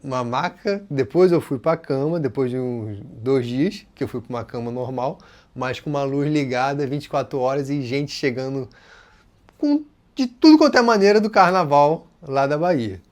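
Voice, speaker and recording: Here the Rio de Janeiro host speaks with a medium pitch and moderate pace, his Portuguese carrying a clear carioca accent. Chatting casually to viewers about something that happened to him, he's expressive and quotes what other people said in their own voices.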